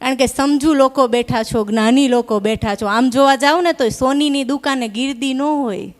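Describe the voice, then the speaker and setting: High-voiced woman comedian on stage. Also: moderate pace. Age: young adult. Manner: chatty, teasing the audience. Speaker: stand-up comedian. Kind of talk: live stand-up comedy. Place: live stage at an event hall. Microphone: stage microphone.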